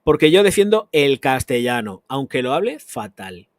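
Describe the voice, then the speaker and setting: A man's voice: medium pitch, very animated, moderate pace, no room sound, clean studio sound. Blunt ranting man. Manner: emphatic ranting, blunt and crude. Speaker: perfume reviewer and channel host. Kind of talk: live stream answering chat comments.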